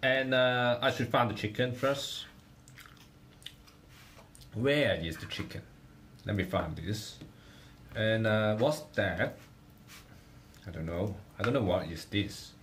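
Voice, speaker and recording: A man talks at a slow, unhurried pace in a fairly low voice. His speech comes in halting bits, with words repeated as he thinks aloud. A faint hiss sits under the voice. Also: animated, fairly bright tone. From Hong Kong. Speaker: livestreamer. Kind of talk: casual livestream food tasting.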